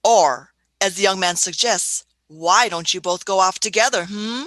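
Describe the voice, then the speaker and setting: A woman's voice: medium pitch, unhurried, a bit bright, dry recording, natural voice. A woman voicing a fussy elderly Doctor who chuckles, hums and uses old-fashioned phrases in a radio play. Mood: testy. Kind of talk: amateur radio play acting.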